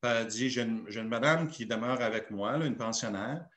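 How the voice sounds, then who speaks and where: Québécois pastor telling a story, echoey room. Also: male voice, mid-range voice, brisk. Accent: Québécois French. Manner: lively anecdotal storytelling, acting out dialogue. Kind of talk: sermon storytelling. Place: church.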